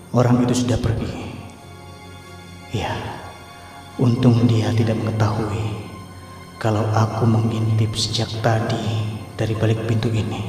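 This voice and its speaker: Old radio show nephew: sly, nervous stammerer, drenched in reverb, music behind. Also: male voice, fairly low pitch. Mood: relieved. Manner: stammering, pleading. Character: timid, sly, protesting nephew. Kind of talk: old Indonesian radio drama acting.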